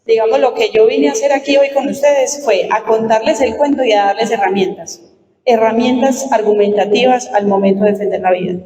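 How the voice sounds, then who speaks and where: Colombian woman lawyer, mellow lecturing voice, emphatic, distant roomy hall sound. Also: on the high side, fairly quick. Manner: emphatic, asks the audience questions. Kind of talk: lecture to a live audience.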